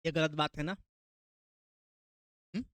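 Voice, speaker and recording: A man's voice: on the high side, fairly even intonation, takes it slowly, a bit bright, dry recording. A man from Bihar with a Bihari Hindi accent, teaching a classroom lecture, quizzing his students and repeating key terms.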